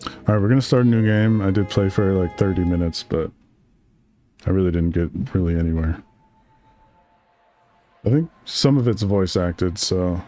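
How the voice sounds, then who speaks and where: A man's voice: deep voice, normal speed, long pauses, dark tone, faint music behind. A man casually commenting as he plays a game, chatting and reading its text aloud. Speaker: streamer playing a game. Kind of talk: casual let's-play commentary.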